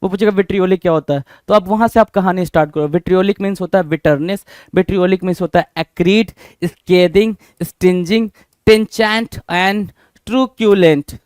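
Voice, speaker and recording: High-voiced animated male vocabulary teacher. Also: normal speed, smooth, no echo, clean studio sound. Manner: animated, repeats words with quiz-like questions. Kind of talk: Hinglish vocabulary lesson.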